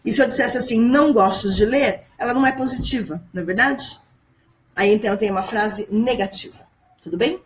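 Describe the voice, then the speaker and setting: A woman's voice: on the high side, fast talker, slight background noise. A woman teacher, giving a patient grammar lesson over a screen recording and checking in with her students. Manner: patient, explanatory, constant check-ins with students. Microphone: computer mic at home screen recording.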